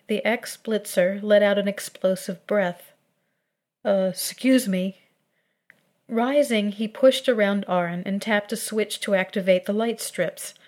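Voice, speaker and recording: A woman narrating a fan fiction story in a steady, measured reading voice. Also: mid-range voice.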